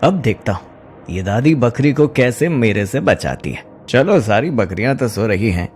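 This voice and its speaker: Man voicing a greedy young thief, cartoon, wheedling and sly, lively pitch. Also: unhurried, faint music behind. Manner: wheedling, mocking. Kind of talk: cartoon voice acting.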